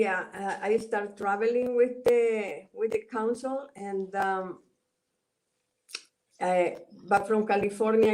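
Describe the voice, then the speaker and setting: A woman's voice: medium pitch, a little mellow, poor audio. A woman from El Salvador with a Spanish accent, speaking English as a second language and answering interview questions over a video call, hesitant and full of fillers. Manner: hesitant, many filler sounds and restarts. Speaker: guest, Mayan elder. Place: home in Guatemala.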